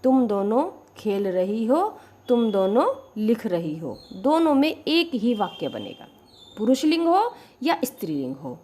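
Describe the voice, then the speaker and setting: A woman teacher, slowly explaining Sanskrit grammar and repeating each sentence with its meaning. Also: mid-range voice, very animated, warm tone. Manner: slow, deliberate, repeats each sentence with its translation.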